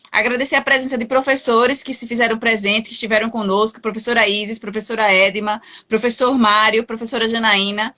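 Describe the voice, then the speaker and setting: A woman's voice: a little high, sharp tone. A woman from Brazil hosting a live-stream interview, giving polite, formal thanks and announcements.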